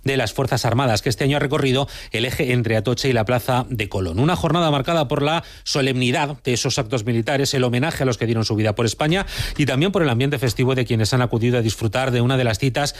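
A man from reading the news as anchor, in a measured newsreader delivery. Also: mid-range voice.

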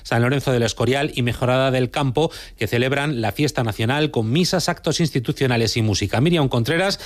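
A man from reading the news as anchor, in a measured newsreader delivery. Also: medium pitch.

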